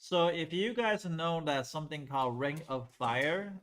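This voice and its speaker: A middle-aged man from Taiwan teaching a math class in a classroom, lively and asking the class questions. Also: fairly high pitch, unhurried. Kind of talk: classroom lecture at a whiteboard.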